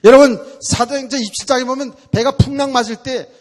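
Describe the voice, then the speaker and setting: A male pastor preaching a sermon in a church. He talks in a colloquial way, acts out prayers in loud bursts, and drops to quiet, slow asides. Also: very high-pitched, steady tone. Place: church sanctuary. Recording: long hall reverb of a church.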